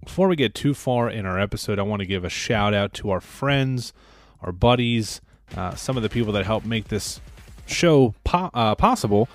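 A man's voice: on the low side, expressive, moderate pace, no echo. A man hosting a podcast, chatty and upbeat, with many filler words, speaking from a podcast studio. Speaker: podcast host.

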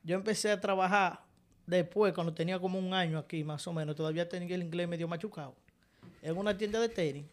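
A man's voice: high-pitched, fast. A man with a Dominican Spanish accent telling funny stories in a casual chat, laughing as he goes. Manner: animated, laughs through his stories. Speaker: podcast co-host. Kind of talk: casual comic storytelling.

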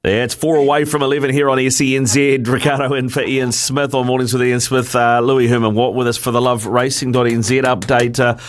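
A man hosting casual sports talk radio in an informal, halting way. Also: mid-range voice, little pitch movement. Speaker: radio host.

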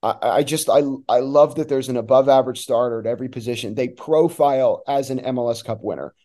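Appearing as an interview guest, a soccer play-by-play announcer offers casual, opinionated sports analysis in an informal, conversational way. His voice is medium-pitched and warm, and he talks fast.

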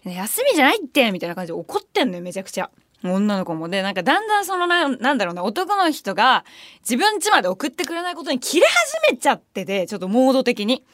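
Fast-talking young woman radio host. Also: fairly high pitch, no echo, studio quality. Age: young adult. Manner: animated storytelling, laughs often, mock retorts. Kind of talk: casual chat. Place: radio studio. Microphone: studio microphone.

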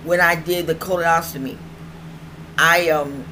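A woman's voice: low voice, fairly even intonation, measured pace, pushed and bright. Toothless middle-aged woman, noisy recording. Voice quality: toothless, slightly slurred articulation. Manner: rambling, repeats phrases for emphasis. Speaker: online show host. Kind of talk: casual vlog chat. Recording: clearly noisy home recording.

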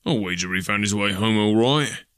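A man's voice: on the low side, moderate pace, a bit bright, no echo, studio quality, natural voice. A man voicing a simple, wary police constable from a storybook, grumbling in uneducated dialect phrasing. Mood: aggrieved.

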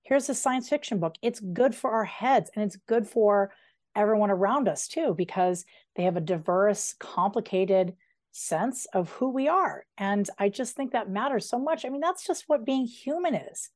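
Dry-sounding, animated middle-aged woman. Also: mid-range voice, no echo. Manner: animated, digressive, with quick asides. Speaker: novelist guest. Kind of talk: casual interview talk.

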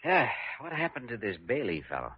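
An actor playing a calm, obliging young hospital doctor in a radio drama, with a wry, casual manner. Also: male voice, mid-range voice, brisk, husky. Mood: easygoing, brisk. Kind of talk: old-time radio drama acting. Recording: muffled, noisy old radio recording.

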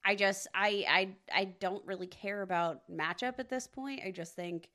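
A woman's voice: mid-range voice, moderate pace, pushed and bright. A woman co-hosting a casual sports podcast, talking emphatically and teasing her co-host, with many fillers.

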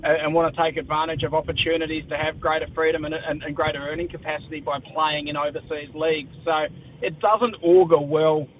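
A man's voice: level tone, fairly quick. An Australian man chatting as a sports correspondent in a live radio interview, discursive and colloquial. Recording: muffled, low-fi line with faint noise.

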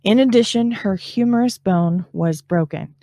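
A woman hosting a true crime show, narrating in a grave, suspenseful storytelling manner with deliberate, emphatic phrasing. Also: medium pitch, warm tone, no echo. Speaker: true crime podcast host. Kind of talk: true crime narration, partly scripted with spoken asides.

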